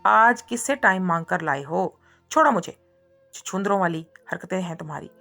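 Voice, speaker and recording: A woman doing a feisty, sharp-tongued young woman. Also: lowish voice, expressive, moderate pace, faint music behind. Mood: indignant. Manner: scolding, indignant.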